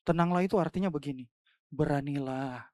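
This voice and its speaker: A woman pastor preaching a sermon in church, swinging between loud emphatic cries and soft, hushed lines. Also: sits low, fairly quick, no echo, studio quality.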